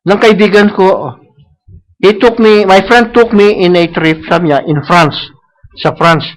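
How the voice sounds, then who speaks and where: High-voiced preacher. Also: male voice, a little slow, rough recording. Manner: switches between Tagalog and English, tags lines with "No?"; repeats himself for emphasis. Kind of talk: sermon. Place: church service.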